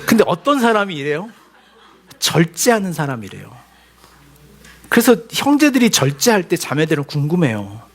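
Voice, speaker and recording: A man's voice: a little high, sing-song, normal speed, pauses often. A male pastor giving a sermon in a conversational, humorous way, acting out little quoted voices as he goes.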